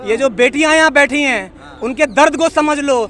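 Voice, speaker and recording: A man's voice: very high voice, normal speed, pushed and bright. A young man making an impassioned speech at an outdoor protest, reciting verse and arguing with questioners. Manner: fiery, rhetorical, leads call-and-response chants. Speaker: protest speaker. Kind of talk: impassioned street speech with poetry. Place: outdoor protest site in a city.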